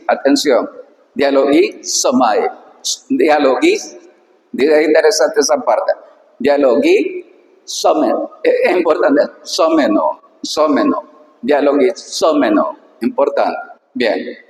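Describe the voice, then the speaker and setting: A man teaching a Biblical Greek lesson, reading the Greek slowly syllable by syllable and then explaining each point patiently. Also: fairly high pitch. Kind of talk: slow instructional reading lesson. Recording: echoey room with long reverb.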